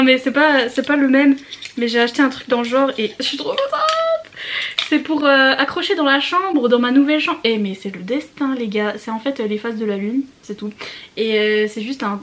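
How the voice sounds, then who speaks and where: A young woman gushes through an unboxing, giggling often and tossing English words into her chatter. Her voice sits a little high, with a faint hiss of noise under the recording. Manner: gushing, giggly, mixes English words into French. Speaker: book vlogger. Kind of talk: excited unboxing chat.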